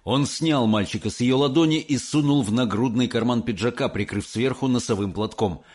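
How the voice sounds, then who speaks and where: A man narrating an audiobook in an expressive, measured reading. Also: mid-range voice, husky. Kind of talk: scripted narration.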